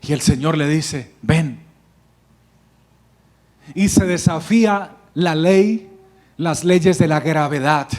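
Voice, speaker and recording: A man preaching a sermon to his congregation in a fairly high voice. He leads call-and-response lines and rises into loud, fervent exhortation. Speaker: pastor.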